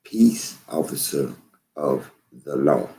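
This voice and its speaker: Deep voiced guy talking slow to the camera, preachy, repeats stuff for emphasis. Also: animated, gravelly, mellow. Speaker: vlogger. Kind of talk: slow spoken commentary to camera.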